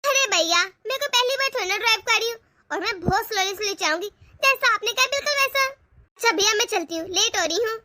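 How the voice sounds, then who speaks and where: A woman voicing a spoiled, eager young college girl in an animated family cartoon, wheedling to get her way. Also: very high-pitched, a little fast, no echo, exaggerated voice.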